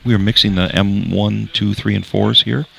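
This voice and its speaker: Man, Wisconsin accent, very low voice, gravelly, sports commentary, noisy feed. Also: normal speed. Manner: relaxed, explanatory, frequent hesitations.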